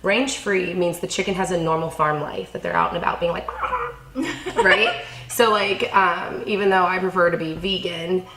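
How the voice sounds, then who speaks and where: A woman's voice: fairly low pitch, moderate pace, a bit bright, roomy sound, slight background noise, poor audio. A young woman chatting casually at home while eating, rambling and self-deprecating with lots of fillers. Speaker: vlogger. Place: home kitchen.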